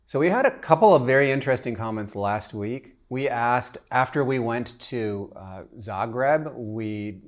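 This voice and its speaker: Relaxed middle-aged man hosting a podcast. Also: mid-range voice. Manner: relaxed, storytelling with pauses and fillers. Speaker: podcast host, travel writer. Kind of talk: casual chat.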